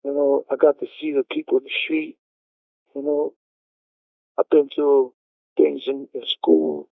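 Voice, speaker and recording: A man with a New York accent telling his life story on a prison payphone call, halting and restarting as he talks. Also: mid-range voice, very animated, creaky, dry recording. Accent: New York City. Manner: halting, repeats words and restarts. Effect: prison payphone line. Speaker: incarcerated caller. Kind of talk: casual storytelling over a phone call. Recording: tinny prison phone line.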